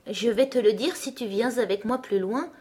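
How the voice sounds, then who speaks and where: A woman voicing a gentle, shy young male fawn with a soft, sweet voice. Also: a little high, normal speed, breathy edge.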